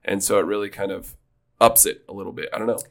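A man's voice: lowish voice, steady tone, fast talker, gravelly, fairly bright tone. A man in his thirties co-hosting a podcast in casual, jokey chat, rambling with restarts. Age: 30s. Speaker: podcast co-host.

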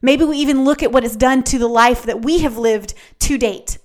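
A woman's voice: high voice, normal speed, darkish tone. A woman hosting a faith-based teaching podcast, speaking earnestly and repeating phrases for emphasis. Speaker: podcast host.

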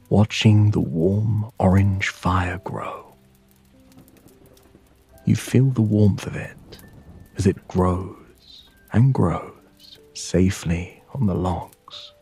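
A man narrating a sleep story in a hushed, soothing, breathy voice that often slips into a whisper, guiding the listener to relax. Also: sits low. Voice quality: breathy, husky.

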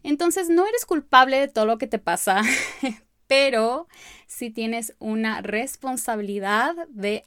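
A young woman hosting a solo podcast, talking fast and sometimes tripping over her words, with light laughs between phrases. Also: on the high side, creaky, no echo, studio quality. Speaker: podcast host.

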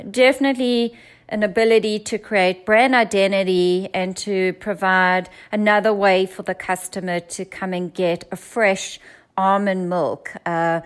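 A young South African woman speaks in a smooth, resonant voice. She talks steadily and fluently as a founder being interviewed, with only the odd um. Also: medium pitch. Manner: fluent, steady, with occasional ums. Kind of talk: pitching her business in an interview.

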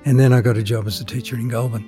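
An older man with an Australian accent tells stories in a relaxed, halting way, full of ums and self-amused laughs. He is outdoors on a street corner. A soft guitar plays faintly behind him. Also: mid-range voice. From born in the Netherlands, raised in Australia. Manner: chatty, hesitant with many ums, laughs at his own stories. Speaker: climate activist, interviewee. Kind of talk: casual storytelling.

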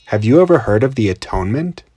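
A man's voice: mid-range voice, sing-song, quick pace, warm tone, a little hiss or hum. A man co-hosting a children's storytelling podcast, explaining things in simple terms, recorded at home without a proper mic. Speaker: podcast co-host.

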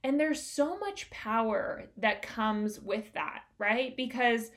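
A woman's voice: on the high side, lively intonation, slow pace. A woman hosting a solo business-coaching podcast, talking in an upbeat, conversational way with plenty of fillers.

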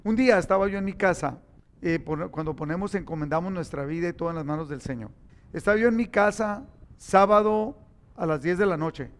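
A man's voice: high-pitched, a little fast. A middle-aged man preaching a sermon, telling personal stories and acting out the dialogue. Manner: animated storytelling, acting out dialogue.

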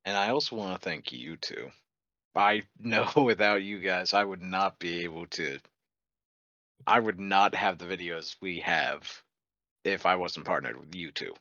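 Bright-voiced man on a dull lo-fi mic. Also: deep voice, measured pace, no room sound. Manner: playful, joking. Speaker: channel co-host. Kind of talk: casual chat.

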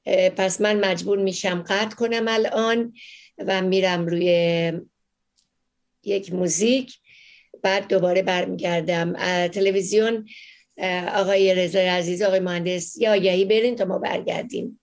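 A woman's voice: mid-range voice, fairly even intonation. Emphatic middle-aged woman psychologist. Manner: emphatic, drawn-out stresses and fast bursts; filler-heavy, thinks aloud. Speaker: clinical psychologist hosting a live advice show. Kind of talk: live advice talk to viewers.

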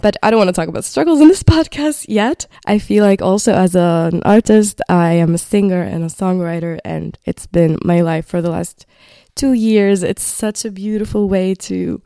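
A woman's voice: mid-range voice, moderate pace, mellow, clean tone, dry recording, clean studio sound. A woman in her twenties from Palestine, hosting a casual solo podcast and rambling as she searches for words. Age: 20s. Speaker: podcast host.

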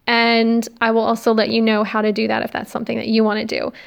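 Recording on her phone, a young adult American podcast host talks alone, rambling through confessional, self-deprecating musings. Her fairly high, very clear voice carries a slight braces lisp, and she speaks fast with a completely flat delivery.

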